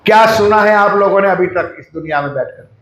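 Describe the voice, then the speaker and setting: High-voiced preacher in an echoey hall. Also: male voice, fairly bright tone. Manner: addresses the audience directly with questions; chants mantras slowly. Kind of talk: devotional sermon. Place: ashram hall.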